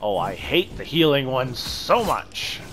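A man giving casual let's-play commentary, reacting out loud to the game and talking to himself and the enemies. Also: medium pitch, very animated, takes it slowly, soft background music. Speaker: gameplay commentator.

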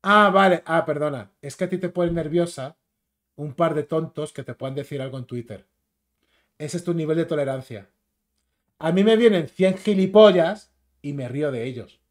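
A man's voice: a little high, normal speed. A man with a Spain Spanish accent ranting as a YouTube commentator, combative, mocking and insulting.

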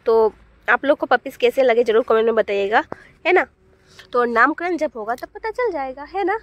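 A woman's voice: high-pitched, lively intonation, normal speed, muffled recording. Chatty, fond woman vlogging at home. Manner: chatty, fond, repeats words affectionately. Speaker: vlog host and mother. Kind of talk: casual family vlog narration.

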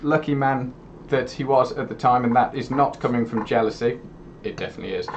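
A man's voice: medium pitch, a little fast, highs cut off, a little hiss or hum. A man co-hosting a live stream. He reads out donations and teases his colleague. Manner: reading out donations, teasing. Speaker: co-host.

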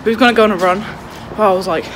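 Speaking very fast in a mid-range voice, a breathless young woman chats casually to her handheld phone for a vlog in a town park. She swears, laughs a lot, and there's slight background noise.

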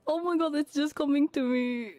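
With no room sound at all, a high-voiced woman speaks at a moderate pace, sitting close to a binaural ASMR microphone. As an ASMR streamer and Vtuber hosting a casual livestream, she's tearful and crying while laughing, flustered, apologetic, self-deprecating, and keeps drifting into soft whispers.

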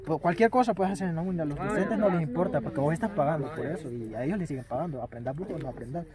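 Young man, Salvadoran accent, quick talker, higher voice, loud crowd behind. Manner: fast, restarts often. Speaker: university student. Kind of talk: casual group chat.

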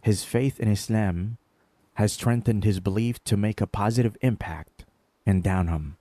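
Male voice-over narrator, dark and dry, measured scripted delivery. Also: on the low side, dry recording.

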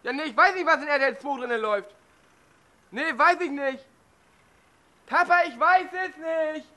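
A man's voice: sits high, moderate pace, sharp tone. A man voicing a fussy, pedantic man on the phone who keeps saying "genau" in an overly polite, prim way. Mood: exasperated.

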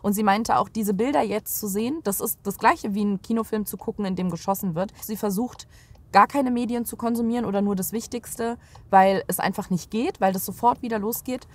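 A woman in her thirties from Berlin, a guest chatting from the back seat of a car and telling stories with lively gestures. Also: mid-range voice, a little fast. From Berlin, Germany. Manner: animated storyteller, gestures while talking. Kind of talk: casual chat.

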